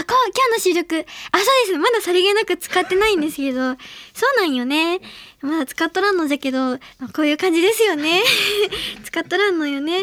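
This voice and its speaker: A young woman from Hiroshima hosts her own radio segment in a strikingly high, light voice. She chats earnestly with lots of little fillers. Her voice sounds close and dry, with no room around it. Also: fairly bright tone, no echo. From Hiroshima, Japan. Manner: chatty and earnest, many small fillers. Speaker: radio show host. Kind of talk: solo radio segment talk.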